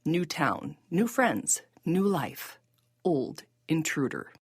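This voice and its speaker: A woman reading scripted documentary narration in a measured, plain way. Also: low-pitched, big pitch swings, slightly rough, no echo, clean studio sound.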